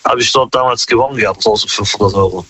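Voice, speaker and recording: A man in his thirties chatting casually in an interview, relaxed and slangy with many fillers. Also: fairly low pitch, quick pace, slightly rough, no room sound, muffled recording. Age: 30s.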